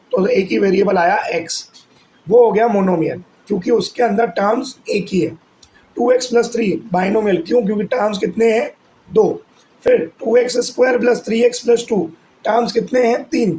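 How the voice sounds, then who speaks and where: A male math teacher giving a lesson who keeps asking students questions and answering them himself, and who switches between Hindi and English as he dictates slowly from the board. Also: high voice, a little mellow, slight background noise, poor audio. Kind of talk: classroom-style lesson.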